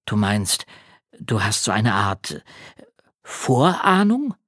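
An excitable, football-mad father who bursts out with jovial remarks, as a man reading a storybook gives him voice. His speech swings up and down in lively leaps and sits close and dry, with no room around it. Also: fairly low pitch, slow pace, no room sound, voice pushed down, exaggerated voice. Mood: searching. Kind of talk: audiobook character voice.

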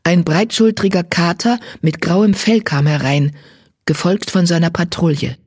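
A narrator reads a story aloud at a steady storytelling pace. The voice is husky, sits at a middle pitch and sounds close and dry. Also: a little slow, no echo. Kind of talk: scripted audiobook narration.

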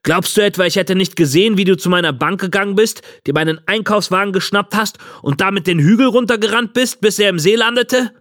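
A man reading the part of a gruff, bearded old homeless man who accuses a boy. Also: mid-range voice, normal speed, a bit bright. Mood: furious.

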